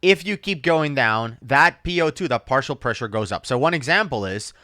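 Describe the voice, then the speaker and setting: A man's voice: mid-range voice, lively intonation, moderate pace, bright, forceful tone, no room sound, clean studio sound. A man giving casual reaction video commentary as a diver, explaining technical details.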